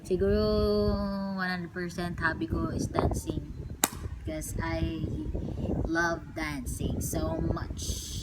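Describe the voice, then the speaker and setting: Young Cebuano-speaking Filipina vlogger, deep voice, unhurried and chatty, noisy room behind. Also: female voice, very animated. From Cagayan de Oro, Philippines. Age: young adult. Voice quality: deep voice for a woman. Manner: chatty and playful, mixing Tagalog and English. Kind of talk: casual vlog chat.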